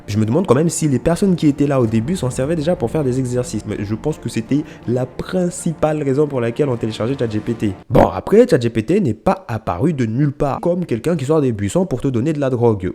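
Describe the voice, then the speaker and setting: A young man talking through a casual comedic explainer, full of joking asides and self-mockery. His voice is mellow and warm, and his pitch bounces around a lot, with faint music underneath. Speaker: storytime YouTuber.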